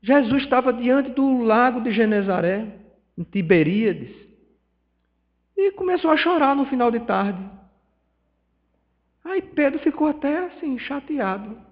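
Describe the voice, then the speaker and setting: A man's voice: very high-pitched, expressive, a little slow, pauses often. A man with a Pernambuco accent giving a spiritist lecture, telling stories with acted dialogue and emotional swells. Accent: Pernambuco Portuguese. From Northeast Brazil. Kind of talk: lecture at a spiritist study group. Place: meeting hall of a spiritist centre. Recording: dull, reverberant hall recording.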